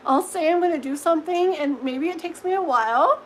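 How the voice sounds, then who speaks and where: A woman's voice: extremely high pitch, moderate pace, a little hiss or hum, rough recording. A woman giving a live-stream tarot reading in a chatty, reassuring way, tagging her sentences with "okay?" and laughing easily. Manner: chatty, reassuring, full of "okay?" tags and giggles. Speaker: tarot reader.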